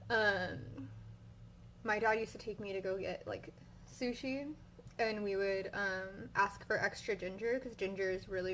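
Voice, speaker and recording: A woman's voice: medium pitch, a bit bright, a little hiss or hum, poor audio. A young woman vlogging casually about her migraines while she still has one, rambling with lots of fillers and sounding frustrated. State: suffering a migraine. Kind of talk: casual storytelling vlog.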